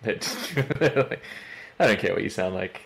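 Raised in Australia after being born in London, this young man speaks with an Australian accent slightly tinged with British. As a guest in a casual interview chat, his lowish voice is animated, with vocal fry at a moderate pace, frequent laughs and filler hesitations, over crowd noise.

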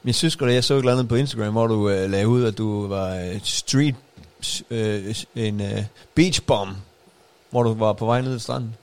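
A man's voice: on the low side, smooth. A man co-hosting a podcast, telling a long story in casual chat with lots of fillers and restarts. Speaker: podcast co-host.

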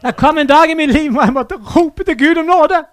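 A man preaches an urgent revival sermon in a strikingly high voice. He sinks to low, quiet stretches and then surges into loud calls. The sound is dry and close, with no room echo. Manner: fervent, swinging from hushed to loud and urgent.

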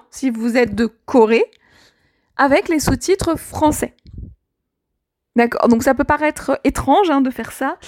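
A woman teaching French to learners, explaining patiently step by step and repeating her key points. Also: high-pitched. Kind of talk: language lesson. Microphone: audio only, speaker not seen.

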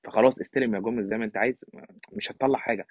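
An Egyptian man guests on a podcast, delivering casual, emphatic, opinionated football analysis in Egyptian Arabic. His voice is fairly low and steady in tone, and he talks rapid-fire. The line sounds thin and phone-like, with a slightly roomy quality.

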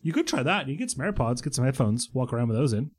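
Male co-host from Croatia, fast-talking, dry humor. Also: medium pitch, big pitch swings, husky. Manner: wry, joking banter. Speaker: podcast co-host. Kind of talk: casual chat.

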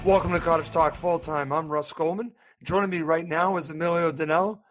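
A man's voice: a little high, steady tone, a little fast, over music. A man reading a scripted advert as an announcer.

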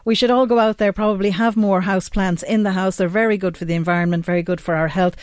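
A woman's voice: mid-range voice, fairly even intonation, fast, a little mellow, dry recording, studio quality. A woman with an Irish accent hosting a chatty radio interview in a folksy, effusive way. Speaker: radio show host. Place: radio studio.

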